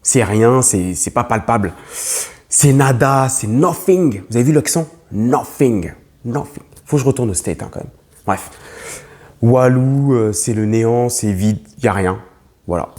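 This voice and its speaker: A man's voice: mid-range voice, moderate pace, a little mellow. A young man, giving a lesson to camera on property investing, emphatic and repetitive, with many fillers and restarts. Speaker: real estate investor vlogger.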